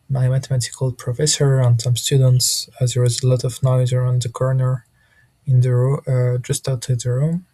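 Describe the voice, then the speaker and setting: Halting man with a gravelly voice. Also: mid-range voice, warm tone, no room sound. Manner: hesitant, searching for words with many restarts. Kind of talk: casual spoken monologue.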